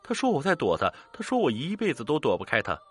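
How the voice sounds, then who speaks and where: A haunted young village woman cries out in terror and pleads in a raised, strained voice, as a male storyteller puts her on. The voice sits far above his own low register and sounds thinner and more distant in tone. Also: huge pitch swings, fast, breathy edge, soft background music, heavily acted. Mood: weary.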